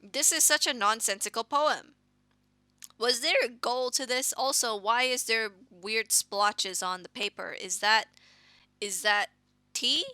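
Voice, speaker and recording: A woman reading the lines of a shy, intense young visual-novel girl, nervous and halting. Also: a little high, pushed and bright, dry recording. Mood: puzzled.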